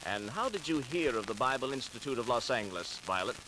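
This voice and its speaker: A man's voice: medium pitch, lively intonation, fairly quick, background noise. A man hosting a radio program, asking a guest questions in a friendly, conversational way. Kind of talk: radio interview.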